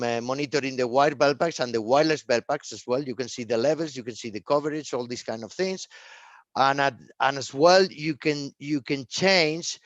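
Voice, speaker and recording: A live technical product presentation is given by a man whose English isn't native; he speaks haltingly, often going back over words and phrases. His voice is mid-range, the sound muffled with no room sound.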